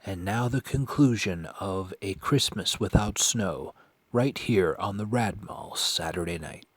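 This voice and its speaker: A man with a deep, low voice makes scripted announcements as a show's presenter. His lines are delivered as broadcast continuity. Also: measured pace, husky, no echo. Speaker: show announcer.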